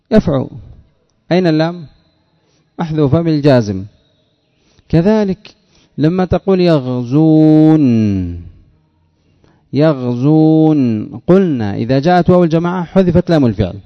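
A man teaching a grammar lesson, asking questions and answering them himself and repeating key words slowly. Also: on the high side. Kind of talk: Arabic grammar lesson explaining a text. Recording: dull lo-fi recording.

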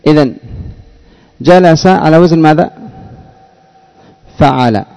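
A man teaching a classroom grammar lesson, speaking slowly, repeating words and quizzing his students. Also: on the high side, vocal fry, darkish tone, poor audio.

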